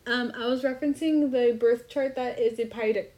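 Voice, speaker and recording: A woman's voice: on the high side, steady tone, normal speed, a little mellow. A young woman hosting a podcast, slightly tipsy, rambling casually with lots of swearing and self-deprecating asides. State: slightly intoxicated. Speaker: podcast host. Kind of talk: casual chat.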